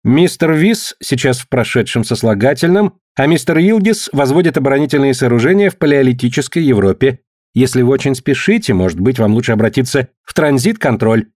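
A man reading a story aloud and voicing a young female secretary who answers in a calm, matter-of-fact way. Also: mid-range voice, fairly quick, dry recording, studio quality, close to an everyday voice.

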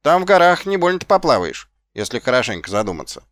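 A man voicing a scruffy, sly, cowardly little male guardsman who talks in quick, wheedling questions, in an audiobook. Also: medium pitch, big pitch swings, a bit bright, no room sound, clean studio sound.

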